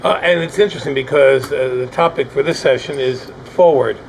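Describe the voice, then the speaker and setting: Male panel host, gravelly, meandering questions, noisy recording. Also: mid-range voice, fairly quick. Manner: hesitant, rambling questions. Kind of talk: hosting a panel discussion.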